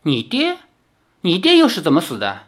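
A reader voicing an arrogant, towering male demon emperor in an audiobook, talking in a loud, haughty way. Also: wildly swooping pitch, moderate pace. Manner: loud, haughty, booming laugh. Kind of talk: dramatic audiobook character voice.

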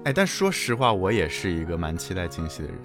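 Brief: fast-talking male podcast co-host, lowish voice, animated storyteller, music underneath. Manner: animated storyteller, laughs often. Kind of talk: casual podcast chat.

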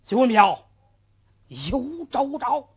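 A woman's voice: a little high, sing-song, slow pace, breathy edge, pitched above the performer's own voice, heavily acted. A woman storyteller voicing a cruel, haughty male magistrate who barks commands, on a lo-fi old recording. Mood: cold, commanding. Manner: barking commands, sneering. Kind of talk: traditional storytelling.

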